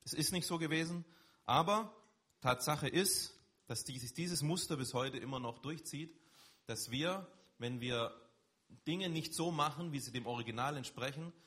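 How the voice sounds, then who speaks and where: A man's voice: medium pitch, moderate pace, a bit bright, breathy edge. A man giving a sermon in a conversational, emphatic way, his voice lifting on stressed words. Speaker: preacher.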